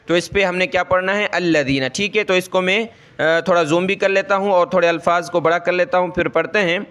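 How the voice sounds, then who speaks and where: A Quran reading teacher with a high, smooth, resonant voice. He speaks in quick bursts of explanation, often asks and answers his own questions, and then recites each word very slowly and repeats it. His delivery stays on an even, level tone. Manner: rapid explanations alternating with slow drawn-out recitation of words.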